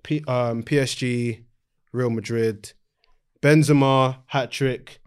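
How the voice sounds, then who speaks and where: A man's voice: medium pitch, steady tone, slow pace, clear, resonant tone. A man with a London accent and urban slang hosting a casual panel discussion, insistent and repeating his phrases. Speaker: football podcast host.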